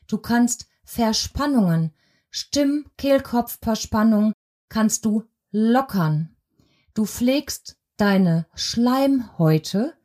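Woman voice coach, podcast lesson, unhurried and mellow, measured explaining, talks to the listener directly. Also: a little high.

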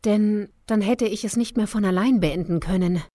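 Calm young witch guide, a woman voicing her. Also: medium pitch, moderate pace, no room sound, studio quality, close to an everyday voice. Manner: calm, instructive, ominous. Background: film score.

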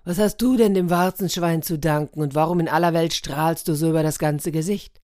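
A woman's voice: low-pitched, a little fast, warm tone, dry recording, clean studio sound, natural voice. A woman voicing a self-assured, mocking male elephant in a storybook reading. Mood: scoffing. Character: scoffing big male elephant.

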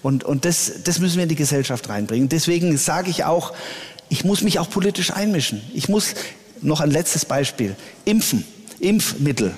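A man, a church leader, answering interview questions earnestly, often pausing with hesitations. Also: a little high, lively intonation. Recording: long reverb.

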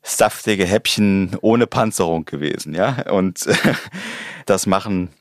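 A man with a low voice and a dry, close sound answers as an expert guest. He explains conversationally for children, in vivid everyday words and unscripted phrases. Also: slow pace, dry recording.

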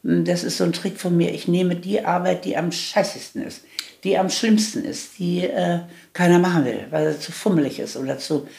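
In an interview, an older woman looks back over her life with candor, often restarting sentences before emphatically pressing her points. She speaks at normal speed with a fairly low voice and a steady gravelly rasp.

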